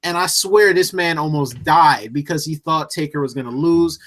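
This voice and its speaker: An animated man telling a story. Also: a little high, normal speed. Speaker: co-host. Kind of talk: casual podcast chat.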